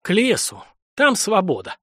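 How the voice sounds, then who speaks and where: A man's voice: sits high, wildly swooping pitch, unhurried, bright, forceful tone, slightly rough, dry recording, clean studio sound, voice pushed up, heavily acted. A man voicing a grieving young male squire who speaks in a subdued, earnest way. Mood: grave.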